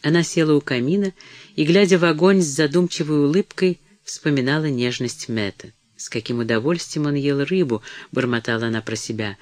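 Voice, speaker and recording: A man narrating an audiobook in a steady, measured reading voice. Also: on the high side, dry recording.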